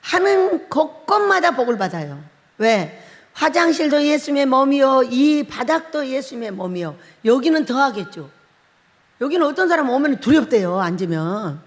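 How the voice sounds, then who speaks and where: Animated woman preaching in a reverberant hall. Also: sits high, moderate pace. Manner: animated storytelling, acts out her own shouting and crying, laughs often. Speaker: pastor. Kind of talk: sermon. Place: church hall.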